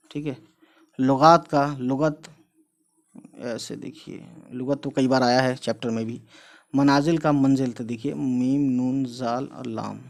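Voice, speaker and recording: A man's voice: medium pitch, creaky, darkish tone. A man teaching a class, going through words one by one and often checking with "theek hai" as he explains. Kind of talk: casual classroom lesson.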